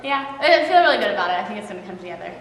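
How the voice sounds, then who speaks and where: A teenage girl, a student performer, sounding excited but nervous. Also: mid-range voice, very fast, far from the mic. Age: teens. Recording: echoey hall, background noise.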